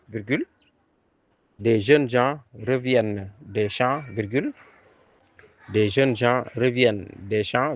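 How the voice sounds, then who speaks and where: A man reading a dictation aloud, repeating each phrase several times and calling out the punctuation. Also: mid-range voice. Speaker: teacher giving a dictation. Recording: dull lo-fi recording.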